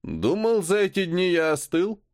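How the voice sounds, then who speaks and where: A man's voice: high voice, wildly swooping pitch, fairly quick, no room sound, clean studio sound, voice pushed up. Man voicing a furious stern lord. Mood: cold menace. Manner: angry, shouting, reproachful. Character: ranting lord of a great house, stern older man. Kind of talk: audiobook character voice.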